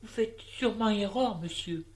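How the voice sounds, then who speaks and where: A woman reading a story, voicing a cold, scheming young widow who speaks smoothly and politely but firmly. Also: mid-range voice, moderate pace, voice pushed up, close to an everyday voice. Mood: cool, guarded.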